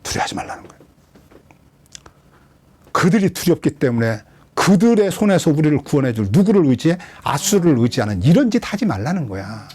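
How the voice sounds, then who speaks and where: A man's voice: fairly high pitch, a little fast, hardly any pauses, slightly rough. A man preaching an expository sermon as a pastor, questioning his listeners and acting out quoted lines. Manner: lively, questioning the congregation, dramatic quoted voices.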